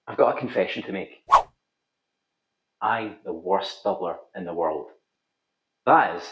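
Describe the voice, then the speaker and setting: Male instructor, broad Scottish accent, animated pitch swings, tutorial narration in a roomy, echoing space. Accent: thick Scottish. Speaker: pool instructor, video host. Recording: slightly dull, roomy echo.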